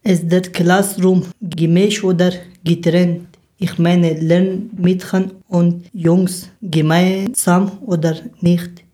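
A woman hosting a scripted interview podcast, asking careful, measured questions. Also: on the low side, flat delivery, warm tone. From Afghanistan. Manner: careful, measured learner's German. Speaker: podcast host.

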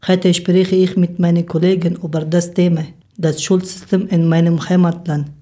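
A woman hosting a scripted interview podcast, asking careful, measured questions. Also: on the low side, flat delivery, warm tone. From Afghanistan. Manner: careful, measured learner's German. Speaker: podcast host.

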